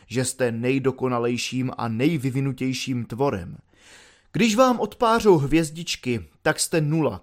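A man's voice: mid-range voice, lightly acted. A man doing a sardonic wordy army volunteer. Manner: mock-soothing, wordy, ironic lecturing.

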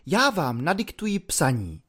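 A man voicing a self-assured army lieutenant who speaks quietly and matter-of-factly. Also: huge pitch swings, husky, full character voice. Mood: dry. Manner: low, quiet and matter-of-fact.

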